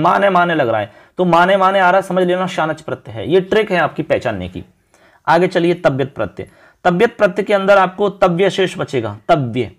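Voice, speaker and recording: A man teaching an exam-prep lesson, repeating word forms one after another as he addresses his students directly. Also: fairly high pitch. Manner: repetitive drilling, speaking straight to students.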